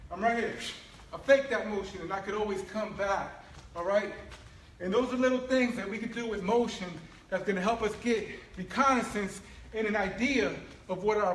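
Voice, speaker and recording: A martial arts instructor with a high-pitched voice demonstrates feints and footwork, keeping up an animated coaching patter full of "right?" and "all right?". His voice echoes around a roomy training space, with faint ambient noise in the background.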